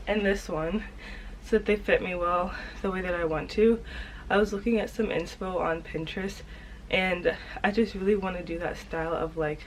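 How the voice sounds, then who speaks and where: A young woman with a slightly nasal, stuffed-up voice from a cold, talking in a casual, halting, informal vlog style. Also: fairly low pitch, slight background noise, low-quality recording. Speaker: sewing vlogger.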